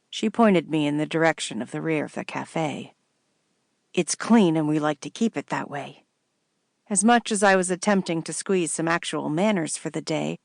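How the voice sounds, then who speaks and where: A woman reading a first-person novel aloud in a measured, wry way. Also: low voice, creaky, no room sound, studio quality. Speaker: audiobook narrator.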